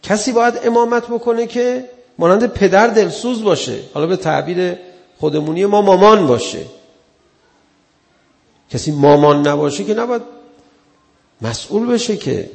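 A man's voice: high-pitched, expressive, gravelly, pauses often, in a large hall. A man giving an earnest religious sermon in a conversational way, acting out the people he quotes. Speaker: preacher.

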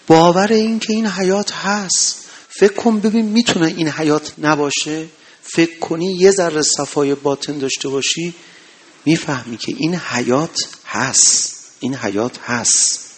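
An impassioned male preacher. He exhorts loudly, then drops to a hushed storytelling tone, in the rhythm of a religious sermon. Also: husky. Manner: impassioned, rising to loud exhortations then dropping low.

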